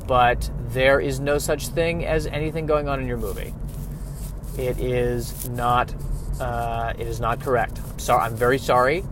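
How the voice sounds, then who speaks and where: A man's voice: mid-range voice, noisy background, natural voice. A man playing Science, apologetic and awkward. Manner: hesitant, apologetic breakup tone. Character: awkward personified Science phoning a movie.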